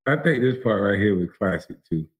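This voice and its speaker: A man's voice: on the low side, expressive, brisk. A man hosting, giving short amused reactions to a clip he plays.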